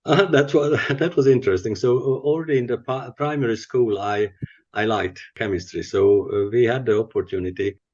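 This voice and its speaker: An older man with a Hungarian accent, a chemistry professor speaking haltingly with many filler pauses in a podcast interview. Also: medium pitch, a little mellow. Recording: muffled lo-fi audio.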